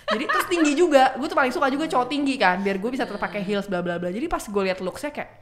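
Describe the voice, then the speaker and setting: A Jakarta-accented woman in her twenties, a guest on a podcast, tells stories in casual, slangy chat and acts out the quotes along the way. Her voice is a little high and a bit bright, with lively intonation and a quick pace.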